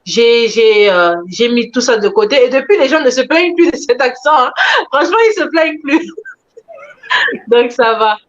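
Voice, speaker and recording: A woman interviewed about her animation work, telling her story in an expressive, animated way. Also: fairly high pitch, moderate pace. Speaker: animation creator being interviewed. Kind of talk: conversational interview answers. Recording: dull lo-fi sound.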